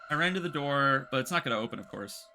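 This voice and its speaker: A man streaming a video game, reacting excitedly, swearing and reading the text aloud. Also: mid-range voice, fast talker, a little hiss or hum. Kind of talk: casual game stream commentary.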